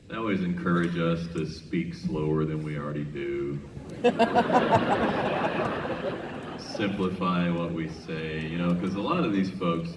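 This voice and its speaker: A Minnesotan singer with a low voice entertains a concert crowd with funny stories between songs at a big casino venue. The mic sounds fairly distant, and the live hall is roomy and echoey, with noisy PA sound.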